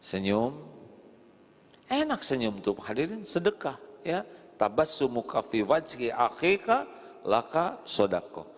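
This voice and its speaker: A man preaching a lively sermon to a live audience, playfully acting out little dialogues with big jumps in pitch. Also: unhurried. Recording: long hall reverb.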